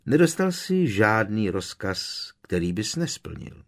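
A man's voice: fairly low pitch, big pitch swings. A man voicing a clever young witch speaking in a kind, coaxing way.

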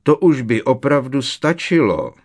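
A man voicing an elderly male examiner professor who speaks softly, slowly and primly. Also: fairly low pitch, very animated. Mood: worried. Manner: soft-spoken, slow, prim.

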